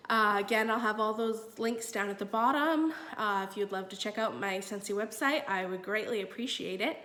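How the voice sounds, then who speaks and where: A woman's voice: medium pitch, moderate pace, a bit bright, reverberant. A woman with a stuffy, nasal voice chatting casually as she demonstrates products in a vlog, with frequent fillers. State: stuffy nose. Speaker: product review vlogger.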